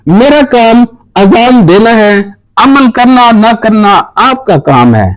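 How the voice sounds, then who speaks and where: A man acting as spiritual teacher, giving a religious talk and earnestly urging his listeners in slow, emphatic phrases. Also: very high-pitched, expressive, poor audio.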